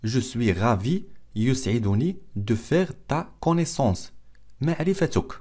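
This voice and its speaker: A man teaching French who says each phrase slowly, then breaks it down. His voice moves up and down in a lively, animated way. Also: mid-range voice. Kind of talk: language lesson explaining phrases.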